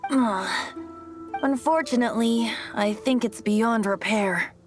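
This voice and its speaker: A woman voicing a youthful boyish bard god in a video game, playful, gentle and coy, with a lilting theatrical delivery. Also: on the high side, slow. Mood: rueful. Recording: music behind the voice.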